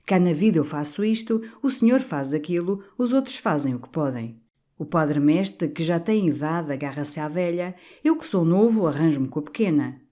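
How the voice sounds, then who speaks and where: Young cocky priest, sneering and defiant, woman reading it, dark low voice. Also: expressive, a little fast. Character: young cynical male priest, cornered then smug.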